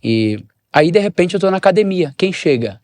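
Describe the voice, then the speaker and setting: A man with a Brazilian accent, a pastor and former footballer, telling animated stories in a podcast interview and acting out the voices of people he quotes. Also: high-pitched, normal speed, no room sound, clean studio sound. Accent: Brazilian Portuguese.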